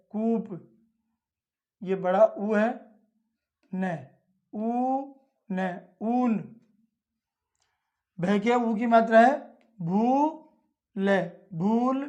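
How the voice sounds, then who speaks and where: A man teaching children to read Hindi, spelling out each syllable slowly and repeating it, with a Hindi accent. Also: high-pitched, darkish tone. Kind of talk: slow instructional lesson. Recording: dull lo-fi audio.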